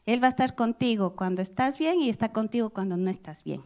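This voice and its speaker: A woman preaching a sermon to a congregation, expressive and personal, asking her listeners questions and dramatizing the scriptures she reads. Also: on the high side, a little fast. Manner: expressive, acts out Bible quotes with loud outbursts.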